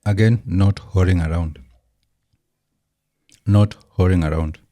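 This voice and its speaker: A man's voice: low-pitched, unhurried, mellow, dry recording. A Kenyan man with a Kenyan accent, hosting and reacting casually, switching between English and Swahili slang with frequent ums. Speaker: show host reacting to a clip.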